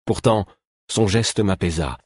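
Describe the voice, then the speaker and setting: A man narrating a storybook with a steady, measured reading. His voice is very low and husky, and the recording is close and dry with no room sound. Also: dry recording. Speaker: audiobook narrator. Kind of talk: scripted narration.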